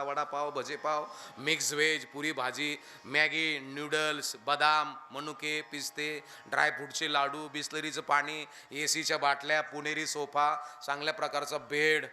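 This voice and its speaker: A man preaching a devotional kirtan sermon, animated and firing questions at his listeners, now and then chanting lines of verse. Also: a little high. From Maharashtra, India.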